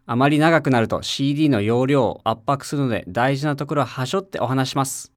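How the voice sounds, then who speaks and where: A man narrating a scripted language lesson for an audio CD, with an ordinary mid-range pitch. He speaks with a friendly teacher's patience, encouraging listeners to repeat after him. The sound is close and dry, with no room echo. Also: fairly quick. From Japan. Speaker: English teacher.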